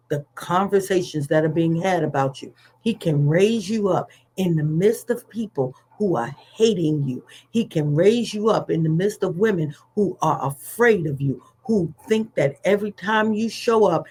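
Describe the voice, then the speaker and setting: A woman delivers a sermon in a fairly low voice. She preaches with an emphatic, repetitive cadence, building each point line by line. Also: dark tone, husky.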